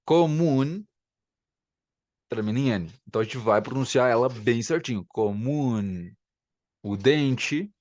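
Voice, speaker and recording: A man's voice: mid-range voice, no room sound. Dry-sounding man teaching pronunciation. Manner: patient, repeats sounds to demonstrate pronunciation. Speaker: language teacher. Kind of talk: explanatory video lesson. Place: home room, filming himself. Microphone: camera facing him.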